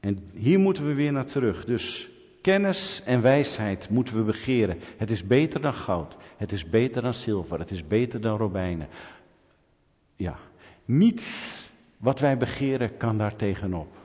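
Animated preacher man in a reverberant hall. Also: fairly low pitch, unhurried. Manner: animated storytelling with sudden loud peaks. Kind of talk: sermon. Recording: dull audio with long hall reverb.

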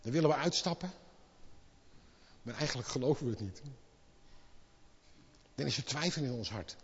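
A man preaching a sermon in speech, impassioned and swinging from quiet asides to loud exclamations. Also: medium pitch, lively intonation, normal speed, slightly rough. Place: church hall. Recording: lo-fi with long hall reverb.

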